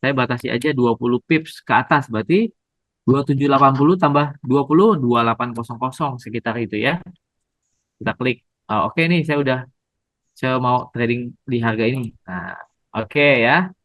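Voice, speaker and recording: Seorang pria membawakan pelajaran trading daring secara langsung, sabar menjelaskan dan menyapa pendengar dengan "Bapak Ibu". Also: male voice, medium pitch, normal speed, fairly bright tone, dry recording, poor audio. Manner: patient, addresses audience as Bapak Ibu. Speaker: trading instructor. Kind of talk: live online trading lesson.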